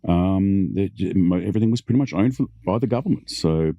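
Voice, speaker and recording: Very deep-voiced, easygoing man. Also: brisk, gravelly, no echo, dull audio. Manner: easygoing, relaxed, many fillers. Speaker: guest, family business executive. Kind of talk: casual interview chat.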